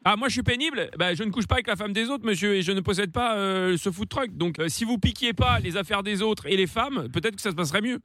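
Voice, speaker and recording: A pompous, indignant jealous husband, as a man puts him on, hammers his accusations in a high, rapid voice. He keeps it stiff and formal, tacking a cold "sir" onto every line. The studio sound is dry and close. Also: a bit bright, dry recording. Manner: insistent, indignant, ends every sentence with "monsieur". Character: jealous, pompous man accusing a stranger, imaginary prank persona. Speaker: prank caller. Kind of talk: radio prank call. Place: radio studio.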